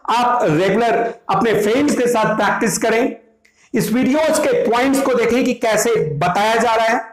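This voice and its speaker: A man's voice: very high voice, normal speed, roomy sound, low-quality recording. An Indian man teaching a spoken English class in a classroom, explaining each point step by step and repeating it in Hindi. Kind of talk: classroom language lesson. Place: classroom with students.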